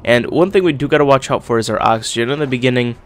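A man's voice: medium pitch, fast, slight background noise. Casual young guy gamer with swollen lip. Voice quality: slightly congested, speaking with a swollen lip. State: getting over being sick. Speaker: gaming YouTuber, host. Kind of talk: casual let's-play commentary.

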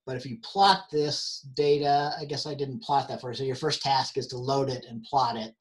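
A man instructor talks through an online help session at a middle pitch. He stumbles and restarts often, filling gaps with ums. His voice is wearing out. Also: steady tone. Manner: halting, many fillers and restarts. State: losing his voice. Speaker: university instructor.

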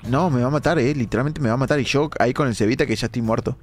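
A young man, hoarse from a sore throat, giving animated live-stream gameplay commentary with dramatic outbursts. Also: mid-range voice, rapid-fire. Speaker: gaming streamer.

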